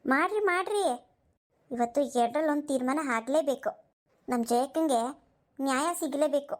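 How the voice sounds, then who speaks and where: A woman's voice: sits high, normal speed, natural voice. A woman voicing an outspoken village woman in a cartoon who lectures and scolds emphatically while standing up for her friend. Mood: earnest. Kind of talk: cartoon voice acting.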